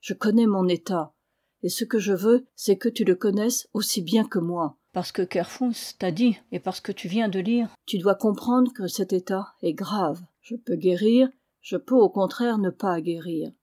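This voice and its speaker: A woman reading the lines of a seriously ill elderly father who speaks with earnest, measured reasoning. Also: mid-range voice, mellow, lightly acted. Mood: grave. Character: ailing elderly father, grave and lucid.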